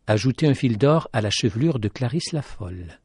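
A man hosting a radio program, reading a story aloud in a measured, dramatic way. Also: medium pitch, lively intonation, darkish tone, breathy edge, dry recording, studio quality. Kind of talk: scripted story narration.

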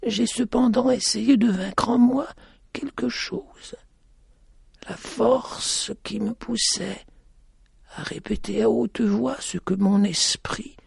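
A man voicing a blind mountain woman, hushed. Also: sits high, creaky, breathy edge, no room sound, clean studio sound, voice pushed up, full character voice. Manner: soft, slow, sighing delivery that drops to whispers.

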